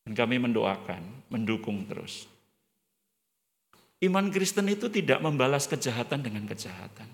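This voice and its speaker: A man preaching a lively, joking sermon, speaking straight to the congregation. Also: mid-range voice, creaky, big-room sound. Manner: animated, joking, addresses the congregation directly. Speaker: guest preacher. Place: church.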